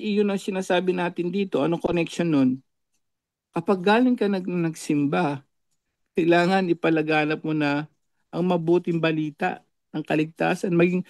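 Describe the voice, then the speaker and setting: A man preaches an earnest reflection, his voice set high and carrying a gravelly edge. He tags his phrases with a questioning "no?" and slips into English. The sound is close and dry. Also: darkish tone, no echo. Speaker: lay preacher on a religious show.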